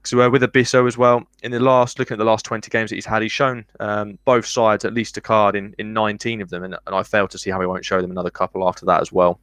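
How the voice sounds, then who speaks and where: Low-voiced, methodical stats analyst. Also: male voice, flat delivery, fast, few pauses, fairly bright tone, clean tone, no room sound. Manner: methodical, lots of ums, reels off stats. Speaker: guest analyst. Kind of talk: live betting stream chat.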